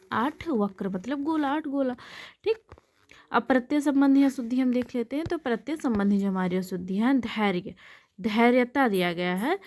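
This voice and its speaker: Hindi tutor woman repeating words. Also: fairly high pitch. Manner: repeats each word, asks and answers her own questions. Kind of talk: exam-prep lesson explaining spelling errors.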